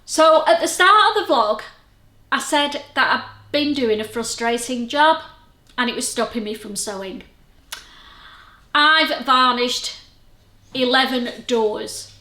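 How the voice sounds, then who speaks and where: At home, a middle-aged woman from Lancashire, England, rambles amiably and self-deprecatingly to camera about her sewing vlog. Her high voice is animated and sharp, with a slow pace and long pauses, captured by a camera mic in an echoey room.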